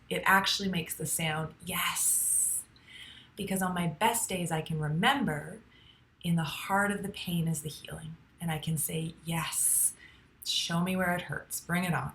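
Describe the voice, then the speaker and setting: A woman's voice: deep voice, a bit bright, roomy sound. A woman psychotherapist hosting a show, explaining things in a casual, teaching way and sometimes using playful sound effects. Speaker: psychotherapist and podcast host.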